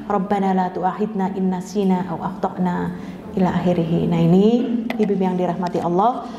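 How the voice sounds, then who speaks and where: A woman's voice: lowish voice, level tone, normal speed, a crowd in the background. A woman teaching a religious study lecture in a chatty way, often checking in with her listeners. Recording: echoey hall with long reverb, dull sound.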